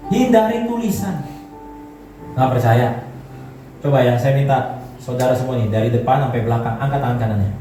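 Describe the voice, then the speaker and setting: A man's voice: mid-range voice, warm tone. Man preaching in an echoey church hall. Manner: joking, conversational preaching that leads the congregation in gestures. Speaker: pastor. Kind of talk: sermon. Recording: echoey hall, voice from far off, faint music.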